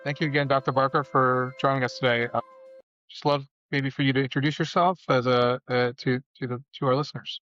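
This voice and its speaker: A man's voice: mid-range voice, steady tone, brisk, a bit bright, no echo. Man, podcast host, hesitant, slightly muffled sound, faint music behind. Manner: hesitant, many fillers. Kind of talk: podcast interview.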